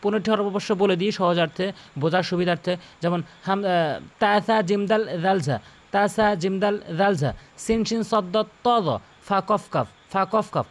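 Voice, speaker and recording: A man teaching correct Quran recitation, slowly repeating words and correcting common mistakes. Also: sits high. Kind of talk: tajweed lesson with demonstrated recitation.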